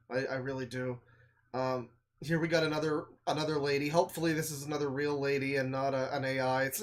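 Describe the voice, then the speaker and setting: Male streamer, dry sarcastic running commentary, often drops to a mutter. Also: on the high side. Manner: sarcastic, mumbling asides, swears. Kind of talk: casual reaction commentary.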